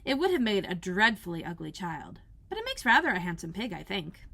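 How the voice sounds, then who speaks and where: A woman's voice: big pitch swings, a little fast, vocal fry, bright, forceful tone, full character voice. A woman voicing a polite, earnest, puzzled young girl in a storybook read-aloud, prim and questioning. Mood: musing. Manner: prim, higher-pitched questioning.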